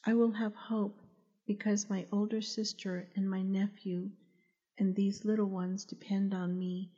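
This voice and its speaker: A woman voicing a resolute, protective young male warrior in a storybook, speaking slow, solemn vows. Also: medium pitch, level tone, mellow, highs cut off, lightly acted.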